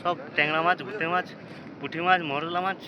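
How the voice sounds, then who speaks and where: A man on the high side, speaking a little fast with fairly even intonation, narrates a casual walking vlog from a muddy riverbank and a boat. Filmed on a handheld phone, he addresses viewers and calls to passers-by, and the lo-fi sound picks up wind and boat noise.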